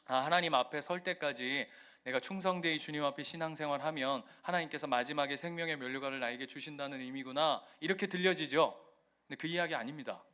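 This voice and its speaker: A man preaches in a conversational way, often turning to ask the congregation questions. His voice sits high and carries a bright, ringing edge. Now and then he slips into a mocking voice to act out what others say. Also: fast, clear, resonant tone. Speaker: pastor. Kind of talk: sermon.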